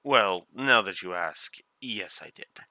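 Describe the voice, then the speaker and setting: A man reading the lines of a loyal older male butler in a polite, soft-spoken way. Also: low voice, takes it slowly, no room sound, full character voice. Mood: gentle.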